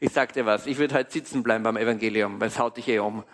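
A man with an Austrian accent giving a lively, colloquial sermon, acting out little dialogues. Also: on the low side, fast. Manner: animated, colloquial, playful with acted-out dialogue. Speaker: preacher.

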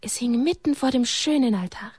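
Woman storyteller, gentle, fairly high voice, talks to kids, dry close sound. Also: normal speed, slightly rough, no echo. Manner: gentle, addresses listeners as children, sometimes whispers. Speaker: storyteller for children. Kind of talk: reading a religious children's story aloud.

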